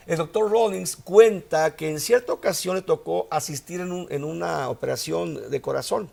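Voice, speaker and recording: Male preacher, fairly high and gravelly, storytelling sermon. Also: moderate pace, darkish tone. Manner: storytelling preacher, rising to emphatic outbursts. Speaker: pastor.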